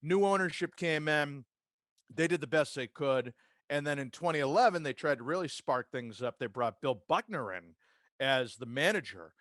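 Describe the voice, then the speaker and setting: A man from Massachusetts with an American accent, a sports public address announcer and radio host, tells stories about his career as a podcast guest in a casual interview. His voice sits on the high side, fairly bright, with lively intonation and a moderate pace. The recording is dry and clean, with studio sound.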